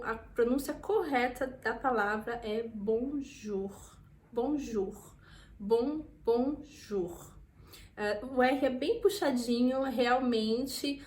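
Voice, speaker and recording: Chatty woman from São Paulo, echoey room. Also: high voice. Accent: Brazilian Portuguese, São Paulo. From Brazil. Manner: chatty, slows down to model words. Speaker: vlogger teaching French pronunciation. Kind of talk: casual vlog lesson.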